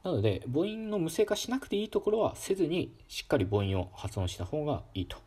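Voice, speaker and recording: A man giving a calm, casual educational talk on pronunciation, demonstrating sounds aloud with frequent fillers. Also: a little high, fast, slightly rough. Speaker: solo talk host explaining linguistics.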